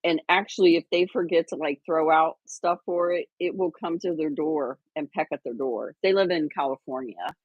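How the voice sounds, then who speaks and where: A woman's voice: deep voice, normal speed, few pauses, slightly rough, no room sound, muffled recording. A woman co-hosting a casual livestream, chatty and rambling with lots of fillers and restarts. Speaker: livestream co-host.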